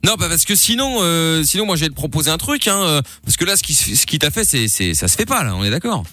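A man's voice: fairly high pitch, big pitch swings, fast talker, over music. A man playing a sleazy, stammering young cousin on a prank call. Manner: hesitant, full of stammers and restarts. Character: sleazy, clueless young man hitting on a caller. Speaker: radio host. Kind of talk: radio prank-call role-play.

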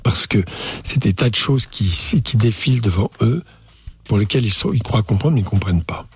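A man's voice: lowish voice, fairly quick, husky, soft background music. An older man giving opinionated expert advice on radio, emphatic and didactic, repeating key phrases. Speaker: doctor, radio show expert. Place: radio studio. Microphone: close studio microphone.

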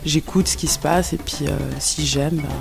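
A woman singer from Switzerland and Cape Verde, answering interview questions in a relaxed, hesitant way with many fillers. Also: sits low, normal speed, creaky, soft background music.

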